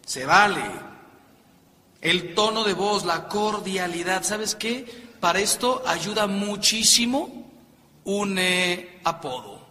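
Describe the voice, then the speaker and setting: Bright-voiced Mexican man joking about marriage. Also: sits high. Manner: joking, acts out spouses' lines. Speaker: speaker on marriage. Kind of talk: humorous talk to couples. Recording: echoey hall with faint noise.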